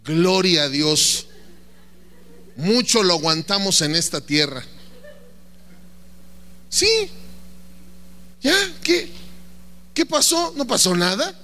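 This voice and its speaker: A man preaching with a high, bright voice that swoops animatedly up and down. He is playful and theatrical, and he keeps firing questions at his listeners. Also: sing-song, slow, pauses often. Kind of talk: lively sermon.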